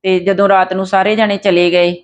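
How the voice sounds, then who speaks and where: A woman's voice: mid-range voice, level tone, fairly quick. Woman retelling a true story. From Punjab. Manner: conversational, with fillers and restarts. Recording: dull lo-fi sound.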